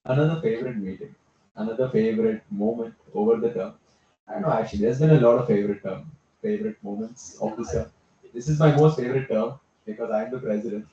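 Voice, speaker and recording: A man's voice: medium pitch, mellow, slight background noise. A man, the club president, rambling and joking about his favorite moments. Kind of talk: casual chat. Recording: echoey room, far from dull mic.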